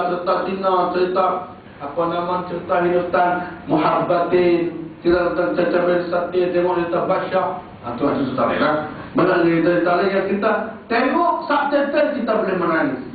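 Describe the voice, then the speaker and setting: A man with a Malaysian Malay accent preaching a sermon, animated, swinging between high exclamations and low asides. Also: slight background noise. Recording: tinny, far-off, echoey hall recording.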